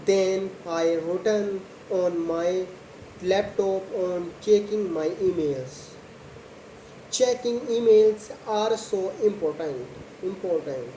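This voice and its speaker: Very slow-talking woman, non-native English. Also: on the low side, dark tone. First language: not English. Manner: very slow, deliberate talking with simple short phrases and long pauses. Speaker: host of a slow English speaking practice video. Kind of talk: slow spoken monologue about a daily routine for English learners. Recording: echoey room with faint background noise.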